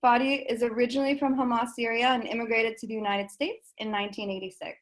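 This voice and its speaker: Higher-voiced woman hosting a video call. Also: steady tone, quick pace. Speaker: host of an online speaker session. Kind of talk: scripted introduction and interview.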